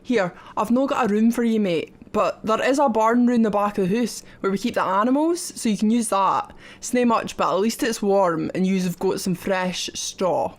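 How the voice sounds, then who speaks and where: A woman putting on a gruff Scottish innkeeper. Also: medium pitch, normal speed, hardly any pauses, lightly acted. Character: gruff male innkeeper with broad Scots speech.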